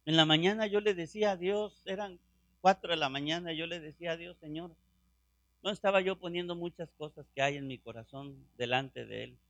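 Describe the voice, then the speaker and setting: A middle-aged man preaching a sermon, impassioned and fervent, dropping to hushed prayer tones and rising again. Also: on the high side, a little fast, no room sound. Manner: drops to hushed prayer voice when quoting.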